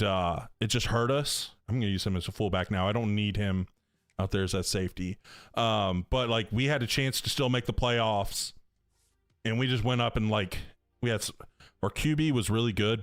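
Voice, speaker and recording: A man in his thirties chats casually while streaming a video game. His voice sits a bit low, and he talks in a loose, slangy way with plenty of filler words. The sound is dry and close. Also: moderate pace, dry recording, soft background music. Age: 30s. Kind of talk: casual live-stream chat.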